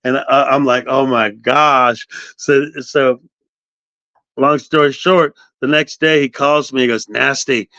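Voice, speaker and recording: A man tells animated, rambling stories on a call and slips into the voices of other people. The pitch is of middle height. The sound is dry and a little dull. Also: a little slow, no echo. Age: 50s. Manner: animated storyteller, quotes others. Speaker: guest. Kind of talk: casual storytelling interview.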